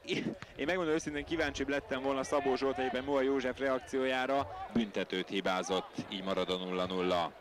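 A man giving live football match commentary in an excitable manner. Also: medium pitch, a crowd in the background. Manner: excitable, voice leaps on big moments. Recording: noisy outdoor match broadcast.

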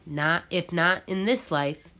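A woman reading aloud, voicing a calm, firm, hardworking father in a storybook. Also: fairly low pitch, takes it slowly, full character voice.

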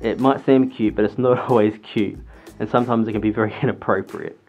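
A man's voice: on the low side, steady tone, a little fast, a little mellow, soft background music. A man speaking from inside a costume head, muffled, giving casual advice in a rambling way and laughing often. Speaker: fursuiter vlogger.

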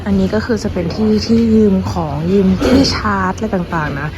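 A woman's voice: mid-range voice, a little fast, muffled recording. A young woman from Thailand chatting casually through her day as a vlogger, mixing English words into her talk, filmed on a handheld camera. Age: young adult. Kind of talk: casual vlog narration. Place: outdoors and indoors around a city, college campus. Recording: loud traffic and street noise.

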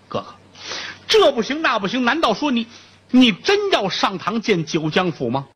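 A man's voice: sits high, huge pitch swings, normal speed, fairly bright tone, slightly rough, full character voice. A man doing an urgent, loyal jailer friend. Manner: urgent, pleading.

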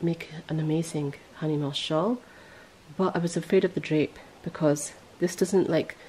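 A woman hosting a podcast in casual chat, rambling and correcting herself as she goes, her voice a little hoarse. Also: sits low, mellow, slight background noise, rough recording. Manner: chatty, rambling, self-correcting. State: voice going hoarse. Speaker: podcast host.

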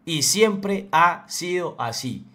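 A man's voice: on the high side, expressive, slow, pushed and bright. Young Colombian man ranting blunt and hot. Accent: Colombian Spanish, Antioquia. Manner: blunt, profane, fired-up. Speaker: streamer. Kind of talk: heated livestream rant.

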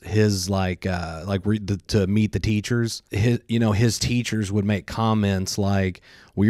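A man's voice: fairly low pitch, a little mellow, no echo. A man co-hosting a podcast from the studio, talking in an earnest, conversational way. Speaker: podcast co-host. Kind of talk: casual podcast chat.

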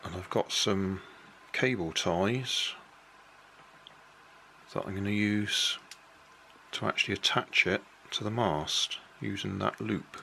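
A man's voice: on the low side, slow, gravelly, long pauses, sharp tone, a little hiss or hum. An older man casually walking through a hobby build at a kitchen table, explaining each step plainly and unhurriedly, correcting himself as he goes.

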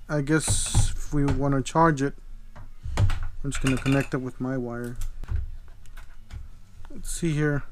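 A man's voice: a little high, smooth. A man casually reviewing a product at his desk, thinking aloud with fillers as he handles it. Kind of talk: casual unboxing commentary. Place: desk at home, later kitchen and outdoors at night.

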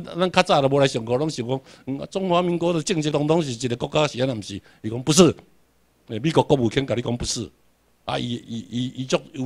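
A Tainan man with a Taiwanese accent gives an emphatic classroom lecture in a fairly bright, slightly high voice. He poses rhetorical questions, answers them himself, and repeats key words to drill them in.

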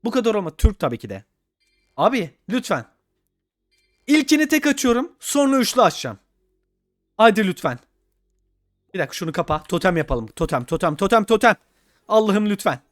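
A young man commenting on his own gameplay, pleading with the game and swinging between low muttering and loud shouts. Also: very animated, fairly quick, long pauses, dry recording, clean studio sound, soft background music. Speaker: gaming YouTuber.

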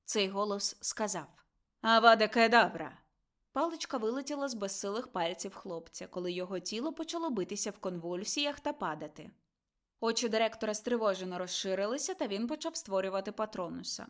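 A woman narrating a dramatic audiobook, expressive and slowing for tense moments. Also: medium pitch.

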